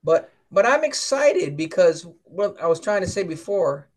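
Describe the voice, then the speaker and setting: An American man co-hosting a casual talk show, animated and playful, acting out quotes. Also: high-pitched, measured pace. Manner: animated, playful, acts out quotes in silly voices. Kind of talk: casual chat.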